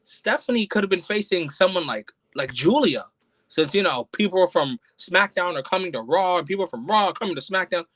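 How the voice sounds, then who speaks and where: A man's voice: sits high, animated, fairly quick, a bit bright, no echo, rough recording. A man hosting a casual solo podcast review, talking bluntly and with exasperation, and a little out of breath. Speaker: podcast host.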